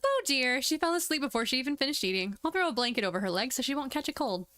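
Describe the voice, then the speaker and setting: A woman voicing a kindly, grandmotherly horse girl from a game, fussing over everyone like a gently nagging old woman. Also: sits high, lively intonation, quick pace, dry recording, clean studio sound. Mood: gentle, caring. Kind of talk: reading video game dialogue aloud.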